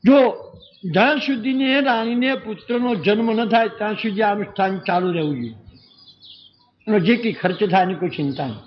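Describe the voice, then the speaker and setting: A man's voice: sits high, a little fast. A man telling a devotional story as a sermon, dramatic and speaking straight to his listeners. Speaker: religious storyteller. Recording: dull lo-fi recording with faint birdsong.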